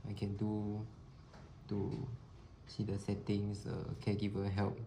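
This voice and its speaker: A man's voice: fairly low pitch, completely flat delivery, unhurried. A man thinking aloud as a test participant, hesitantly narrating his steps as he tries out an app. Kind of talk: thinking aloud while trying an app prototype. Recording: noisy room recording.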